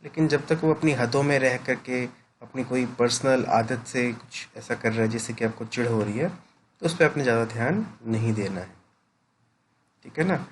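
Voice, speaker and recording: A man teaching a class in a patient, explanatory lecture, pausing often to ask his students "right?". His voice sits at an ordinary middle pitch. A faint hum of ambience hangs behind him. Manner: explanatory, peppers sentences with "right?" tag questions.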